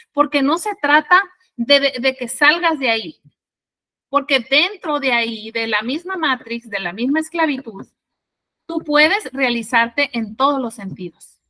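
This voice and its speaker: A woman leads a spiritual lesson in a high, clear voice. Her tone is bright and ringing, and she works through ideas by posing questions to her listeners and then answering them. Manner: explains with rhetorical questions. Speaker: spiritual teacher.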